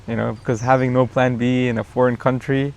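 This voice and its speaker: A man chatting as a guest in a casual backyard interview, telling a story in a relaxed, rambling way with fillers. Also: medium pitch, brisk, vocal fry.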